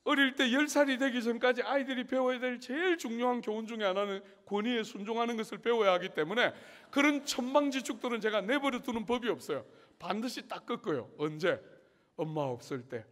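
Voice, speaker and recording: A man's voice: very high voice, brisk, a bit bright. A middle-aged male pastor preaching a sermon at a student conference, telling a story with humor and acting out the scene. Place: large university hall. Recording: long hall reverb.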